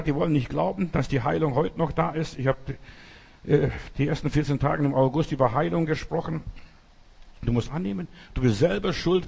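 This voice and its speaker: A man's voice: a little high, gravelly, darkish tone, breathy edge. A man preaching an emphatic sermon and acting out the quoted voices.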